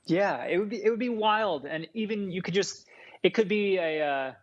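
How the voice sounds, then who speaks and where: On a podcast, a chef and food scientist whose first language was Farsi talks at a moderate pace in a high voice. He's casual, animated and rambling, leaning on lots of fillers. The audio has a dull, lo-fi quality.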